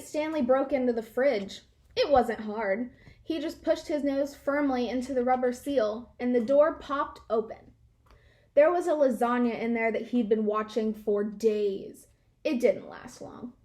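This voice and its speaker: At a measured pace, this high-voiced woman gives an animated, expressive reading of a children's storybook, putting emphasis on important words.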